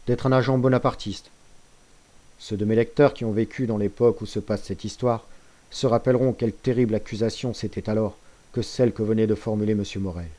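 A man reads a classic novel aloud as an audiobook, in a measured, steady narration. His voice is mellow and dark, with an unhurried, even delivery. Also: fairly low pitch. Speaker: audiobook reader.

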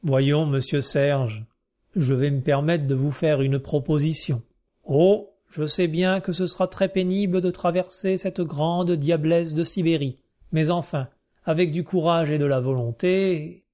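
A man's voice: on the high side, steady tone, measured pace, dark tone, close to an everyday voice. A man reading aloud, voicing a hearty middle-aged travelling showman who speaks in an emphatic way. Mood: hesitant.

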